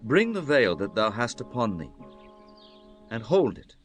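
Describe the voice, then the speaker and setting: A man's voice: mid-range voice, wildly swooping pitch, a little slow, faint music behind. A man playing an earnest, honorable biblical landowner in solemn, declamatory scripture drama. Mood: hushed, kindly. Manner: solemn, declamatory, archaic formal speech. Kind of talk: dramatized scripture audiobook acting.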